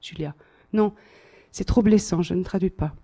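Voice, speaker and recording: A woman voicing a reluctant female interpreter who refuses quietly and firmly. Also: lowish voice, normal speed, slightly rough, voice pushed down.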